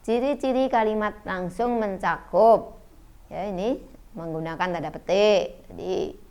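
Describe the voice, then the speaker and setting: A woman's voice: medium pitch, measured pace, darkish tone, clean tone. A middle-aged woman teacher giving an online school lesson, explaining step by step with frequent fillers.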